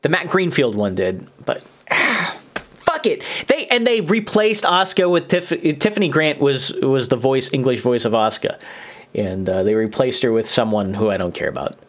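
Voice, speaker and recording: Man, podcast host, casual chat, profane, rambling, lively swooping pitch. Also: normal speed.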